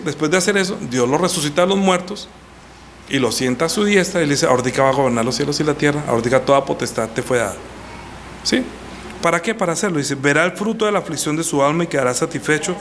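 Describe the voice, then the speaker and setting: A man teaching a baptism class as a pastor, animated, reading scripture aloud and voicing quoted lines. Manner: animated, rises high for quoted voices, reads scripture aloud. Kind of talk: teaching sermon.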